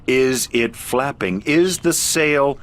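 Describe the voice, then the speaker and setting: An actor playing a sarcastic merchant ship captain stuck in port, with dry, drawn-out delivery. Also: male voice, medium pitch, lively intonation, fairly bright tone, slight background noise.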